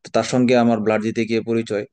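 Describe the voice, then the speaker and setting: A man's voice: fairly low pitch, flat delivery, fast talker, a little mellow, clean tone, no echo. A middle-aged man with a Bangladeshi Bengali accent, teaching an online exam prep class in a chatty way, telling anecdotes and sprinkling in English words.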